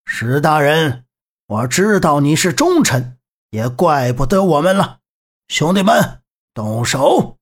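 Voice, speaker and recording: A man voicing a greedy male bandit chief in an audiobook, drawling slow and sneering. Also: on the high side, huge pitch swings, a bit bright, breathy edge, exaggerated voice.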